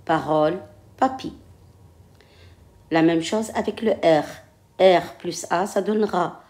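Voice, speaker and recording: A woman's voice: low voice, darkish tone. A woman teaching a French reading lesson, drilling syllables and simple words one at a time. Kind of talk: slow reading lesson for adult learners.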